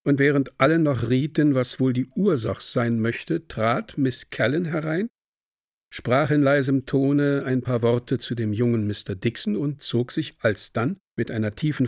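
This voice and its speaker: A man narrating a radio drama in a measured, ornate storytelling manner. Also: mid-range voice, no echo, studio quality.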